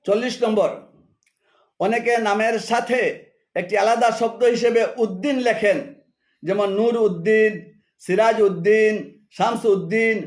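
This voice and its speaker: Guy from assam teaching a lesson, fairly high voice, slow careful reciting, echoey room. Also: steady tone. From Assam, India. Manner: methodical, slows down to recite Arabic phrases carefully. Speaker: Islamic teacher. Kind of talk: scripted lecture on Arabic pronunciation.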